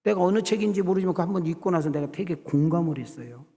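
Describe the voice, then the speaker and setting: A man's voice: high-pitched, expressive, quick pace, mellow, long reverb tail. A middle-aged South Korean pastor preaching a sermon to his congregation, often calling out to them and building to emphatic passages. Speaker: senior pastor. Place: church sanctuary.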